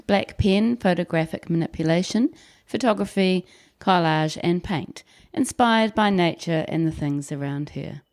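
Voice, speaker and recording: A podcast host with a lowish, somewhat dark voice reads a scripted intro, then moves into a casual interview, chatting with her guest in a friendly, encouraging way.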